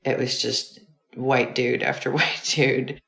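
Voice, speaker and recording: A woman speaks casually, chatting and stringing thoughts together with plenty of fillers. Her voice has a gravelly edge, and the recording sounds roomy. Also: rumbling low, little pitch movement, slow pace, fairly bright tone. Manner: chatty, uses many fillers. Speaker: interviewee, former medical student. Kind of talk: casual interview.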